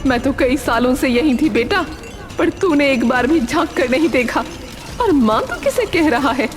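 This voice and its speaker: Woman doing a furious cartoon ghost mother, high and lively, faint music under. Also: moderate pace, natural voice. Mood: angry scolding. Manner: scolding, commanding. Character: stern ghostly mother, angry at cruel son. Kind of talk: animated story voice acting.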